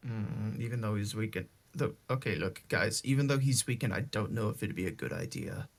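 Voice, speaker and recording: A man's voice: fairly low pitch, brisk, vocal fry. A man playing a tabletop role-playing game, speaking in casual chat that slips in and out of character.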